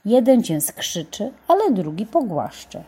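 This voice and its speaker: A woman reading a storybook, voicing a kind bearded old man who gently explains a secret. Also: medium pitch, sing-song, a little slow, slightly rough, heavily acted. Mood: kindly.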